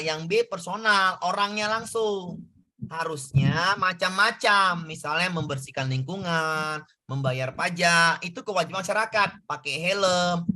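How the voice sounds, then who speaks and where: Bright-voiced male tutor. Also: high-pitched. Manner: conversational, asks students questions. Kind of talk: exam prep lesson.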